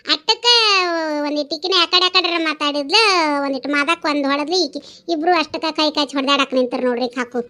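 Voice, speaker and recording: A fretful village woman from a cartoon, explaining and pleading in a North Karnataka Kannada accent. Her voice is very high and bright, and she frightens easily. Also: quick pace. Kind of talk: cartoon voice acting.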